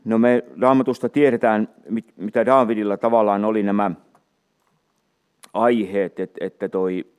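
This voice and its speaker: A man teaching from the Bible in an unhurried way, reading scripture aloud between his own remarks. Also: fairly low pitch, steady tone, a little mellow, smooth. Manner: unhurried, many fillers and restarts, reads scripture aloud. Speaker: preacher.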